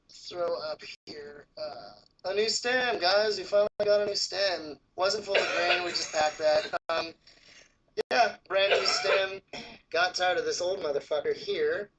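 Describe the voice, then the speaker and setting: A man's voice: sits high, a little slow, a bit bright, low-quality recording. A man hosting a casual smoking show, talking like a crude, slangy stoner. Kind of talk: casual chat. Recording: noticeable background noise.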